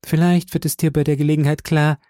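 A man voicing a sweet, eager young woman in a read-aloud story, speaking higher and lighter. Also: flat delivery, quick pace, warm tone, dry recording, studio quality, natural voice. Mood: teasing.

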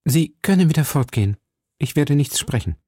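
A man's voice: fairly high pitch, expressive, moderate pace, warm tone, slightly rough, no echo, clean studio sound, voice pushed up. A man reading an audiobook and voicing a cunning, seductive female prisoner with theatrical pleading. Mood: scornful. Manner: pleading, theatrical, sometimes scornful.

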